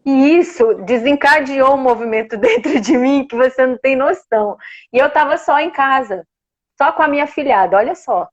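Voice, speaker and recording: With a high voice at normal speed, a guest who speaks with a Brazilian Portuguese accent shares a heartfelt, emotional personal story, punctuated by occasional laughs. The audio's high frequencies are cut off.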